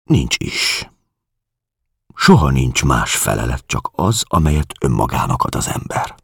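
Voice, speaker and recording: A man reading an audiobook, voicing a grieving middle-aged refugee who speaks in a quiet, confessional, searching way. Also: a bass voice, big pitch swings, creaky, husky, no room sound, clean studio sound, heavily acted.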